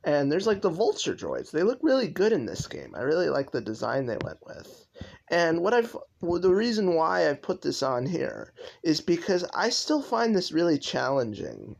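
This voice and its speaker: Young male gaming commentator, raised pitch, lively delivery, faint background hiss. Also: moderate pace, gravelly, low-quality recording. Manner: rambling, lots of likes and restarts. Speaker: gaming YouTuber. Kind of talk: casual commentary over gameplay.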